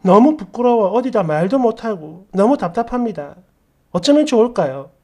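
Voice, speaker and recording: Woman narrating a story with lively pitch. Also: normal speed. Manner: conversational, opinionated asides. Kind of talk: reading a story and viewer comments.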